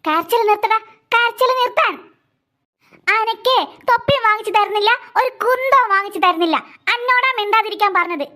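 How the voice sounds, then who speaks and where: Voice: very high-pitched, fairly quick. A voice actor doing a scolding Malabar aunt. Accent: Malabar Malayalam. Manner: sharp, scolding, ear-pulling threats. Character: strict scolding elderly aunt.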